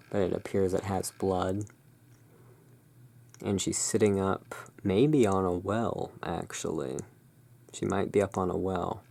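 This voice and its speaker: In a hushed, halting ASMR roleplay, someone voices the soft-spoken, musing owner of a gothic curiosity emporium. The character voice is deep and gravelly, played fully.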